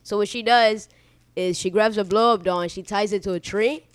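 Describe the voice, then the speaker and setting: A woman's voice: medium pitch, steady tone, moderate pace, clear, resonant tone, no room sound. A woman co-hosting a casual chat, blunt and profane, laughing often. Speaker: podcast co-host.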